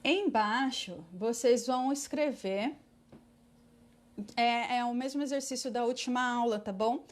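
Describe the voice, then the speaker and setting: A woman teaching English in an online class, patiently explaining and repeating English words slowly for pronunciation. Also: fairly high pitch.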